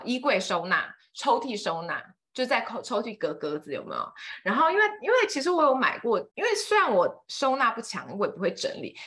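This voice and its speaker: A woman's voice: mid-range voice, sharp tone. A woman, co-hosting a casual chat and telling a rambling story full of fillers. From Taiwan. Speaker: podcast co-host.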